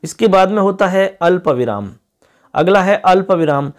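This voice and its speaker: A man's voice: high voice, expressive, normal speed. A man teaching a grammar lesson for exam prep, explaining patiently and often checking in with the learners. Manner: explanatory, often asks "ठीक है?".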